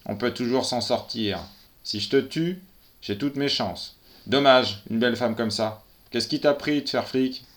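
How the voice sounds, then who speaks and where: A man's voice: mid-range voice, a little slow, natural voice. A man doing a snarling, breathless armed thug. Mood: threatening. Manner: snarling, barked threats.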